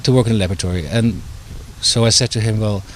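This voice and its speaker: A man's voice: lowish voice, fast talker. Hesitant man, faint background hiss. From Netherlands. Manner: hesitant, many fillers and restarts. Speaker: guest, author and doctor. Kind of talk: interview.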